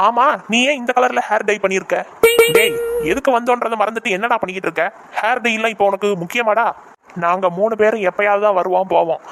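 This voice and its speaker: A performer voicing a bumbling, soft-hearted male kidnapper in a cartoon, rambling and long-winded. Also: mid-range voice, a little hiss or hum, natural voice. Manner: rambling, explains at length. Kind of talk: cartoon voice acting.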